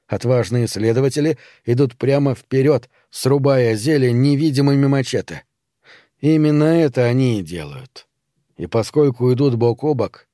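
A man reads a story aloud in a measured, grave way, like a practised audiobook narrator. His voice is dark and mellow, recorded dry and close with no room sound. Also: medium pitch, dry recording. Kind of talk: scripted narration.

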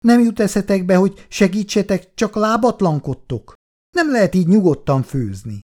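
A fussy middle-aged housewife, fretful and bossy, pitched up with a lively, swinging delivery, as a male reader puts her on. She nags her family and worries over the cooking, as if in a read-aloud family story.

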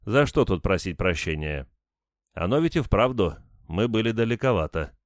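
Man doing a steady polite investigator, low voice, dry sound. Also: moderate pace, dry recording, lightly acted. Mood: calm. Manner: patient, polite, probing. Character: calm, persistent male investigator.

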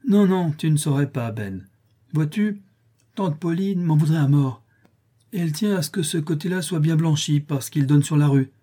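A man's voice: a little high, lively intonation, normal speed, warm tone, pitched above the performer's own voice. A man voicing a cunning boy who talks in a coaxing, mock-casual way in an audiobook reading. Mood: sly. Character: cunning boy, sly and nonchalant.

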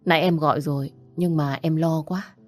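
A woman's voice: deep voice, steady tone, normal speed, faint music behind, natural voice. A woman reading the part of a young wife who speaks in a soothing but firm way in an audiobook. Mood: gentle. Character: calm, loyal young wife.

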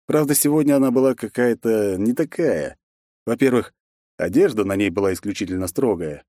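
A man reading a first-person novel aloud, harsh and forceful in the hero's lines. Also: lowish voice, lively intonation, fairly quick, dry recording, clean studio sound. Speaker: audiobook narrator.

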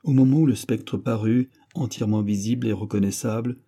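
A man reads a classic tale aloud in a measured, solemn audiobook style. His voice is very dark and husky, set in a fairly low register. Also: fairly even intonation. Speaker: audiobook narrator. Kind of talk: audiobook reading of a classic story.

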